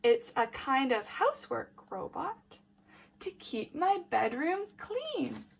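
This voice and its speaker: A woman teacher reads a picture book to children with animation and deliberate pacing, stopping to ask questions. Her voice is high and shows vocal fry.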